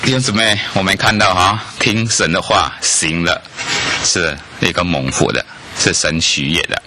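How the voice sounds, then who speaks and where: A man's voice: low-pitched, normal speed, noisy background. A man preaching a sermon to a congregation, often asking them questions and dropping in "ah" fillers. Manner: lively, asks the congregation questions, many "ah" fillers.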